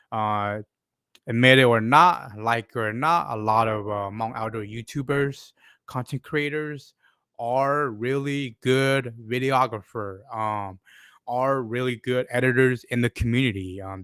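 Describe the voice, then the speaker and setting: A man hosts a casual livestream in a halting, filler-heavy way. His voice is smooth and resonant, at an ordinary pitch. The sound is dry and close. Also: a bit bright, dry recording. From Alaska. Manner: halting, many fillers and restarts. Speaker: livestream host.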